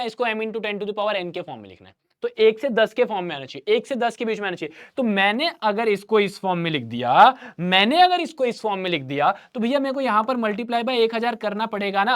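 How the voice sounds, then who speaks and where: A man teaching an online maths revision class, talking to students in a lively, chatty way and often answering for them. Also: high-pitched. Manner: lively Hindi teacher, addresses students as bhaiya, voices their replies.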